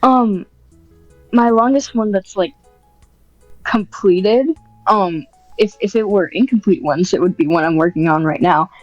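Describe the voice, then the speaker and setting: In a casual podcast interview, a woman script writer appearing as a guest speaks modestly, informally and hesitantly. Her mid-range voice keeps a measured pace with long pauses. The recording is dry with the highs cut off, over soft background music.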